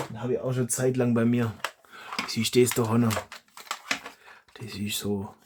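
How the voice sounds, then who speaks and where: A man's voice: medium pitch, noisy background. A man, a hobby YouTuber chatting casually as he reviews toy blasters, rambling and correcting himself aloud.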